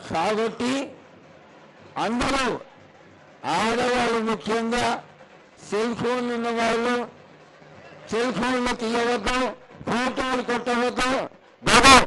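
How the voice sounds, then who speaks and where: A man's voice: very high voice, a bit bright, rough recording. A man making devotional public announcements at a temple ceremony, speaking solemnly and instructively in short separate phrases.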